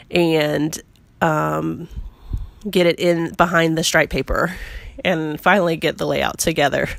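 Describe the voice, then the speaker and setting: A woman with a cold and a squeaky voice, narrating her scrapbooking video in a chatty, self-deprecating way with lots of fillers. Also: vocal fry, no room sound. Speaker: scrapbooking vlogger. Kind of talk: casual voice-over narration.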